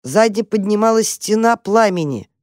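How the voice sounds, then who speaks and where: Narrator: woman reading a children's story, calm and expressive, dry close recording. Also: medium pitch, normal speed, no echo. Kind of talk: audiobook narration of a children's tale.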